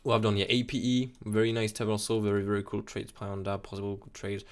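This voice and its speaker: A young man with a French accent, a crypto chart analyst, streams live from a desk mic in a small room, talking casually about trading charts. Speaking fast in a lowish voice, he's excitable, restarts constantly and keeps saying "absolutely insane."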